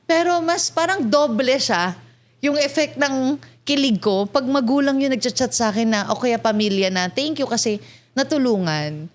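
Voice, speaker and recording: A woman hosting a relaxed interview in a somewhat high voice. She murmurs quiet agreements while her guest talks and slips English phrases into her questions. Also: moderate pace. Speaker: host. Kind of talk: casual interview.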